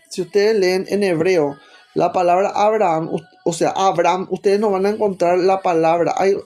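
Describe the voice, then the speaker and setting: A man's voice: high-pitched, dark tone. A man with a Rioplatense Spanish accent preaching a teaching sermon, stopping often to put rhetorical questions to his listeners.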